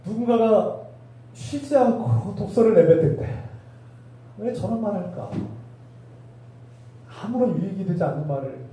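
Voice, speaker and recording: A man's voice: high-pitched, lively intonation, normal speed, pauses often, mellow. A male pastor preaching a sermon, with rhetorical questions and emphatic repetition. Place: church sanctuary. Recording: echoey hall, voice from a distance.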